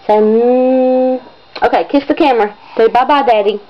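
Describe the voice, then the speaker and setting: A woman's voice: a little high, normal speed, dull audio, slight background noise. A mother coaxing her baby in sing-song baby talk, repeating simple words over and over on a home video.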